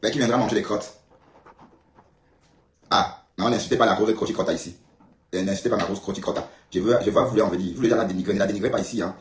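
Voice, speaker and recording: A Cameroonian man with a lowish, steady voice blogs on a live stream, speaking quickly but with long pauses. He replies to comments casually and emphatically, repeating his points straight to viewers, in an echoey room with faint ambience behind him.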